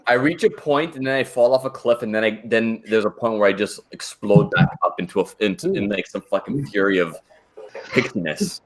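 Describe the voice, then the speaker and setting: A tipsy man with a low voice, rambling and halting as he searches for words. He talks casually in a group chat. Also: slight background noise.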